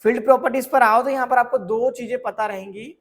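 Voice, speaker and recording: A man teaching a software course, explaining with everyday examples and often asking whether students have understood. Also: very high voice, steady tone, a little fast. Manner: keeps checking if students follow; asks rhetorical questions and answers them. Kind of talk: screen tutorial lesson.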